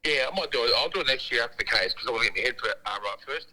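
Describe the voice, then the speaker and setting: A man's voice: medium pitch, lively intonation, rapid-fire, pushed and bright, poor audio. A man, heard over a speakerphone call, chatting in a laddish, joking way as a phone guest. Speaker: phone guest, former footballer. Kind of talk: casual phone chat.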